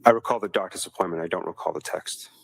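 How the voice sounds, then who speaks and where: Deep-voiced male witness in a courtroom recording. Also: quick pace, creaky, a little hiss or hum. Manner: formal, brief, calls the lawyer sir. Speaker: trial witness. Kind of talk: courtroom testimony.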